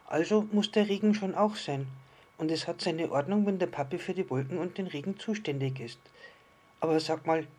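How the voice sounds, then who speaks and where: A man voicing a curious, eager little star child in a storybook reading, full of excited questions. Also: fairly high pitch, normal speed, pitched above the performer's own voice, lightly acted.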